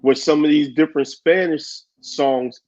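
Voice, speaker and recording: A man co-hosting a casual chat, animated, laughing often and acting out quotes. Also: on the high side, unhurried. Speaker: podcast co-host. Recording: dull lo-fi audio.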